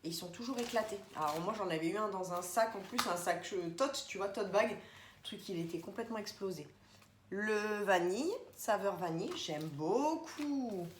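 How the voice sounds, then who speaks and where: A woman's voice: medium pitch, lively intonation, moderate pace. A woman chatting casually through a grocery haul vlog, rambling and addressing viewers directly. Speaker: vlogger. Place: home, indoors. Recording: echoey room, faint background noise.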